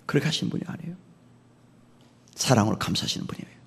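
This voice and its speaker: A man pastor preaching an animated sermon that acts out dialogue, in a long-reverb church. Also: mid-range voice, fast, creaky, husky.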